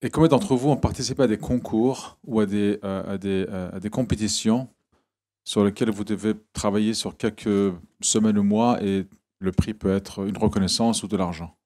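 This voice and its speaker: A man in giving a public talk to an audience, halting and often repeating words. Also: lowish voice, fairly even intonation, darkish tone. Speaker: guest speaker.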